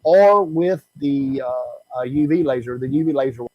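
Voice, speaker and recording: A man of middling pitch talks over a dry, close video call, and his audio breaks up as a choppy connection drops and repeats words. He speaks haltingly, full of fillers and restarts, from a rural spot with weak internet. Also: dry recording, dull audio. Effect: choppy connection cutting out, words dropping and repeating. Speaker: show host. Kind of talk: casual video call chat.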